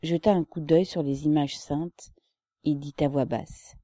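A woman narrating a novel as an audiobook in a measured, steady reading. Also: deep voice, no room sound, clean studio sound. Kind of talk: scripted literary narration.

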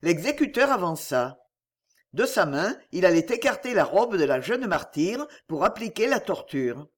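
A man narrating a story in an expressive, dramatic reading. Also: high voice, normal speed. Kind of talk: audiobook narration.

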